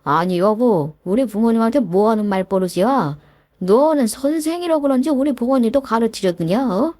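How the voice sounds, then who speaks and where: A woman's voice: fairly high pitch, lively intonation, normal speed, dark tone, dry recording. A woman voicing a defensive husband in a narrated story, complaining to his wife. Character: defensive self-pitying husband.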